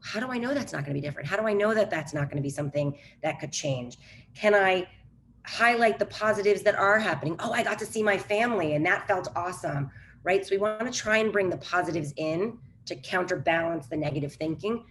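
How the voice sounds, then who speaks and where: A lowish-voiced woman talks through a webinar on a video call, animated and conversational. She tosses in quick asides and rhetorical questions as she explains things. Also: a little hiss or hum. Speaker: psychologist giving a webinar talk. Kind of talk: informal webinar presentation.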